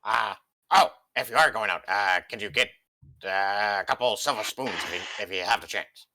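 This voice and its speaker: A man talking through a voice changer during a tabletop roleplay, halting and repeating words. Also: on the low side, lively intonation, bright, forceful tone, no echo, pitched below the performer's own voice.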